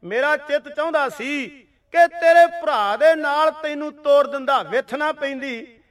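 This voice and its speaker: Guy doing a proud warrior, calm and defiant, high voice, kinda distant mic. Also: measured pace. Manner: taunting challenge in recited storytelling.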